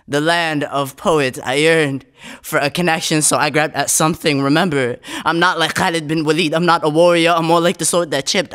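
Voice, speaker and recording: Recorded up close on a studio condenser microphone, a young American spoken word poet alternates between poems and interview answers. His voice sits on the high side, with a clean, slightly bright tone.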